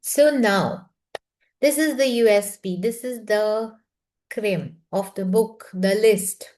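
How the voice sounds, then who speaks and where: Woman who leads a book circle. Slow, soft, measured reading, sometimes dropping to a half-whisper, at a mid pitch. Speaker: book reading session leader. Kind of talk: reading a self-help book aloud and guiding an affirmation.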